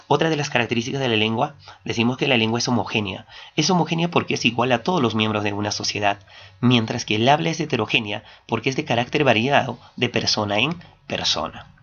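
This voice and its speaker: A man from Ayacucho with a Peruvian Spanish accent, teaching a class. He asks rhetorical questions, answers them himself and stretches key words slowly for emphasis. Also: medium pitch, gravelly, fairly bright tone. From Peru. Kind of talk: classroom lecture. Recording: dull lo-fi recording.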